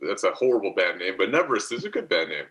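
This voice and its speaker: Bright-toned, laid-back man in his thirties. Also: sits low, rapid-fire, a little hiss or hum, poor audio. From Canada. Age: 30s. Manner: relaxed, laid-back, laughs easily. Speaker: podcast guest, comedian. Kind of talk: casual podcast chat.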